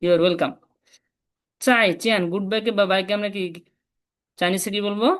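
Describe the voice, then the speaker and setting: A woman with a Bangladeshi Bengali accent giving a casual spoken lesson, explaining step by step and repeating syllables slowly. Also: medium pitch, fairly even intonation. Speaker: Chinese language teacher.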